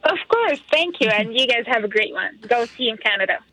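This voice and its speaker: A woman from Syria, a radio show producer, talking in a halting, filler-heavy way with frequent giggles. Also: on the high side, expressive, pushed and bright, husky, dry recording. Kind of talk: phone-in radio interview. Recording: tinny phone line.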